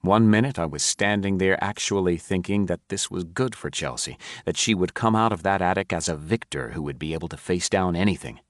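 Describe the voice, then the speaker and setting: A man narrates a first-person audiobook with a wry, self-mocking edge. His voice sits very low, and the read is close and dry, with no room sound. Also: fairly quick, few pauses, no room sound.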